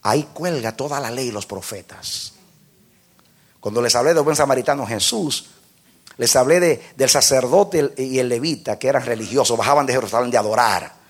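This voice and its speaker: A male pastor preaching an impassioned sermon that rises to shouted peaks. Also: medium pitch, normal speed, slightly rough.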